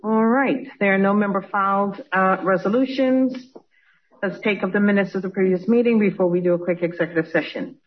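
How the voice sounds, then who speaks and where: A meeting chair running a public session in brisk procedural phrases. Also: medium pitch, a little hiss or hum. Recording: dull lo-fi audio.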